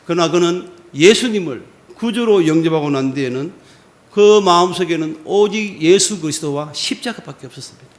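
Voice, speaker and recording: Male preacher at a prayer meeting; high, animated voice that acts out the speech of the people in his story. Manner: animated preaching, acting out quoted lines of God and Moses. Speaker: pastor. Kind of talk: sermon. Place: church sanctuary.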